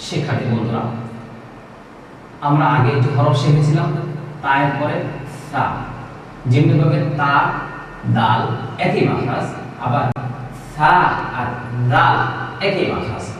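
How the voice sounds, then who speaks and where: A man's voice: fairly high pitch, measured pace, long pauses, heavy reverb, far from the mic, a little hiss or hum, low-quality recording. A man teaching Quran pronunciation in a patient lesson, drawing out each letter in long sung calls.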